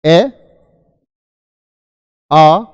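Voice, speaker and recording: A man's voice: on the high side, lively intonation, very slow, a little mellow, smooth, dry recording, studio quality, big-room sound. A male teacher giving an exam-prep grammar lesson, asking his students questions and then answering them himself. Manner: calls listeners children. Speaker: Hindi teacher.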